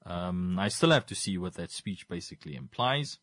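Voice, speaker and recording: Male commentator, Namibian accent, lowish voice, dry close sound. Informal but wordy explainer, halting, circles back on phrases. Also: expressive, a bit bright, no room sound. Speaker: current affairs commentator.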